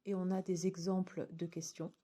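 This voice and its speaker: A woman's voice: fairly low pitch, level tone, normal speed, warm tone, slight background noise. A woman casually reviewing a tarot deck and its guidebook, chatty, with many fillers and restarts.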